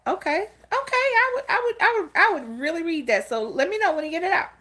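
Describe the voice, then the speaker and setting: Lively fifties woman chatting with viewers. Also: very high voice, fast talker. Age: 50s. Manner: candid, storytelling, talks straight to viewers. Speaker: channel host. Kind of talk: casual livestream talk greeting chat viewers.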